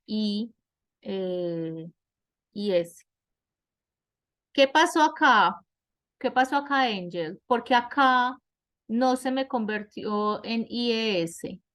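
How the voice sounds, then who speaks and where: A woman's voice: a little high, fairly bright tone. A woman teaching English grammar in an online class, explaining step by step and often asking her students questions.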